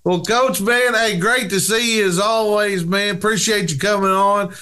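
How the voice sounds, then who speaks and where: A man with a notably high voice hosts a casual sports podcast. He talks informally, buddy to buddy, and lets his phrases ramble as he steers the chat. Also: steady tone, moderate pace, pushed and bright, smooth. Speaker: podcast host. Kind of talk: casual sports talk show.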